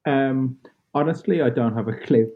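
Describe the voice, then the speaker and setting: The Irish man in his thirties answers podcast questions reflectively, earnest and thoughtful but loose, with many fillers. He talks at normal speed in a mid-range voice, and the line is tinny and phone-like.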